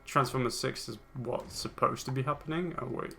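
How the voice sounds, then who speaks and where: A man's voice: medium pitch, brisk, gravelly, bright, forceful tone. A young man chatting casually beside a friend's gameplay, laid-back and swearing now and then. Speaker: co-commentator.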